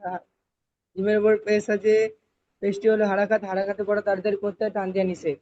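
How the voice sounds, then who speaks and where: A male student on an online class, reciting reading rules in a quick, even drone. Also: sits high. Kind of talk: reciting a lesson aloud. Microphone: video call. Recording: dull dry online call audio.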